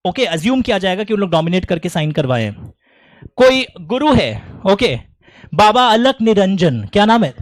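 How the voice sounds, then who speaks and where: A middle-aged man with an Indian English accent teaching law to a classroom, animated and teasing, reciting definitions slowly word by word. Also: sits high, dry recording.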